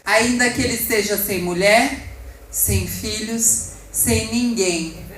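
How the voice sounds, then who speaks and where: A woman's voice: mid-range voice, takes it slowly, fairly bright tone, echoey room, a little hiss or hum, low-quality recording. A woman with a Brazilian Portuguese accent preaching a sermon with passion, rising and falling and speaking asides to the congregation. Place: church hall.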